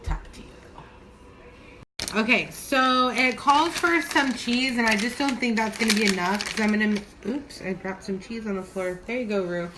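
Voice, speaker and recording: A woman's voice: fairly high pitch, normal speed, hardly any pauses. A woman giving a casual home cooking demo, chatting informally and thinking aloud in a loose, giggly, tipsy way. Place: home kitchen. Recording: noisy home recording with kitchen ambience.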